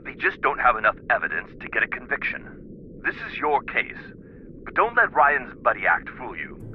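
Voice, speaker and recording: Man playing a very animated senior scientist, muffled sound. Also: medium pitch, moderate pace, a little hiss or hum, lightly acted. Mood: confiding, certain. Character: busy, confiding male senior scientist. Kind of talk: video game voice acting.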